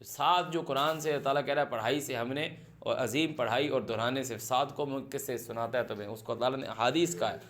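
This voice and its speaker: A man teaching a scripture lesson, reciting each verse slowly and then translating and repeating it phrase by phrase, stopping to quiz his students. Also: medium pitch, fairly bright tone. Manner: asks the class questions and answers them himself. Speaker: Quran teacher.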